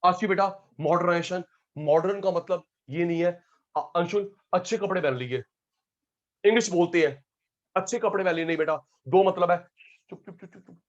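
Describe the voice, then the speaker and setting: High-voiced joking male teacher. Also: normal speed. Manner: calls students by name, joking, drills terms. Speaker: economics teacher. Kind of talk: online class lecture. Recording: dull lo-fi audio.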